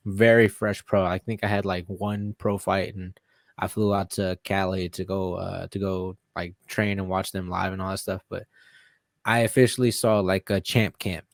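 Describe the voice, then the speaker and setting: A man's voice: sits low, flat delivery, normal speed, creaky, no echo, clean studio sound. A man guest in a casual interview, telling stories in a rambling way with lots of fillers and swearing. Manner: rambling, profane storytelling with many fillers. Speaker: guest fighter.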